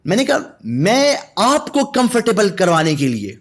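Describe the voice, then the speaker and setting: A man from Pakistan, a guest telling anecdotes in a podcast conversation, laughing as he goes. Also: high voice. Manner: animated anecdotal storytelling with laughter. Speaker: guest, artist and storyteller.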